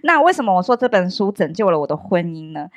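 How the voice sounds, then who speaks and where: Animated woman telling stories. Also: on the low side, fast, no room sound, clean studio sound. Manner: animated storyteller, laughs often, acts out quotes. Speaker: podcast co-host. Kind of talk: casual chat.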